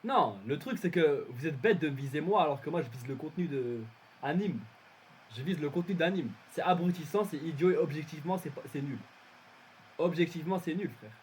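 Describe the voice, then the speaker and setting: A man's voice: fairly high pitch, fairly quick, darkish tone, a little hiss or hum, poor audio. A young man in a heated casual debate, argumentative and insistent, often repeating his points.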